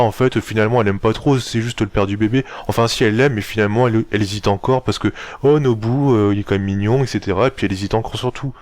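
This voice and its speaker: A man's voice: lowish voice, dry recording. A young man casually reviewing a manga, talking bluntly and heatedly with crude words. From France.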